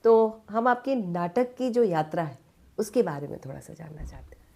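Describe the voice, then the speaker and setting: A woman's voice: medium pitch, expressive, normal speed, dark tone. A woman radio presenter hosting an interview in a studio, polished and attentive, who keeps the talk moving with brief affirmations.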